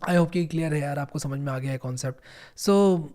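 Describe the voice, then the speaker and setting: A man's voice: fairly high pitch, normal speed, warm tone. A young man teaching programming in a casual, encouraging screen-recorded tutorial, repeating points and coaxing the viewer along.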